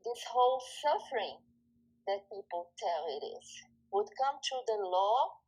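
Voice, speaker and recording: Slow, hesitant woman guest. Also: mid-range voice, very animated, darkish tone, husky, rough recording. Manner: slow and hesitant, many fillers and restarts. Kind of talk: conversational interview.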